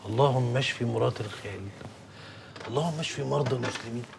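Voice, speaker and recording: An actor playing a stern Egyptian merchant boss with an Egyptian accent, sarcastic and commanding. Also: male voice, medium pitch, fast, gravelly, noisy background, lightly acted. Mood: mocking. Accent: Egyptian Arabic. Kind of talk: TV drama acting.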